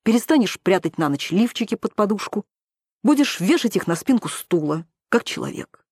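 A woman's voice: medium pitch, sing-song, moderate pace, darkish tone, slightly rough, no room sound, studio quality, voice pushed up. A woman voicing a tired young man lecturing his younger sister in an audiobook reading. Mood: weary. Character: weary young man, the patronizing older brother.

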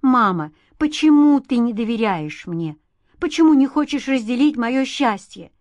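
Woman doing a young daughter, high and pleading, dry audio. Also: very animated, measured pace, darkish tone, no echo.

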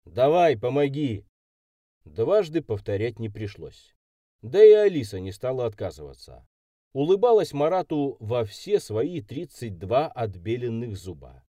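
A man's voice: mid-range voice, big pitch swings, unhurried, warm tone, dry recording, studio quality. A man reading a first-person story aloud as an audiobook narrator.

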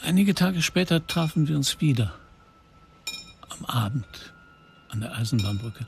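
A man narrating a radio drama in a reflective, measured way. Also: medium pitch, lively intonation, creaky. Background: music.

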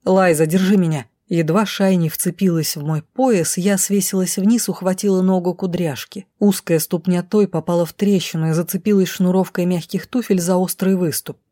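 A woman's voice: on the low side, steady tone, normal speed, hardly any pauses, mellow, dry recording, studio quality. A woman reading a dramatic fantasy audiobook in the first person, tense and urgent, and voicing the characters' lines herself. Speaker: audiobook narrator.

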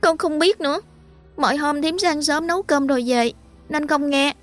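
A woman's voice: high-pitched, moderate pace, soft background music, voice pushed up, lightly acted. A woman voicing a frightened young boy who stammers and repeats his words. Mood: scared.

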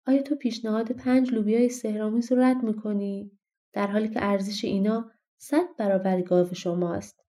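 A woman putting on a slow, sly little dwarf. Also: medium pitch, warm tone, close to an everyday voice. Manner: slow, coaxing, persuasive. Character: odd stooped little old dwarf stranger, sly.

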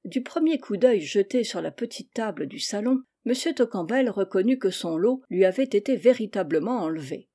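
A woman narrating a classic children's novel aloud, telling the story in a calm, even way. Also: medium pitch, normal speed, few pauses. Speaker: audiobook narrator. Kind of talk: scripted narration.

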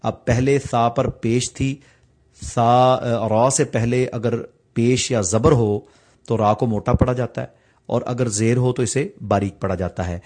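A man's voice: medium pitch, steady tone, darkish tone. Man teaching Quran recitation rules. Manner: explains rules plainly, then recites verses slowly and melodically. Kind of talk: tajweed lesson with recited examples.

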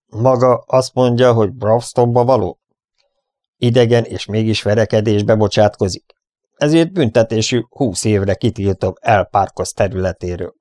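A man's voice: lowish voice, dark tone, no echo, studio quality, lightly acted. A man voicing a worried small-town sheriff in an audiobook, speaking in a hesitant, official way. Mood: stern.

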